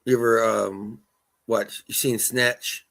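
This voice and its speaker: Teasing lower-voiced co-host. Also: male voice, steady tone, slow, vocal fry, fairly bright tone. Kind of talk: casual chat.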